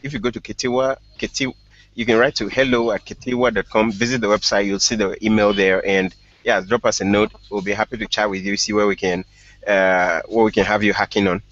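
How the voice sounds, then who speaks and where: Man, lowish voice, relaxed, frequent laughs and fillers, dull dry call audio. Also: fairly quick, no echo. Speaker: startup founder guest. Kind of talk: casual online discussion. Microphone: headphones with mic on a call.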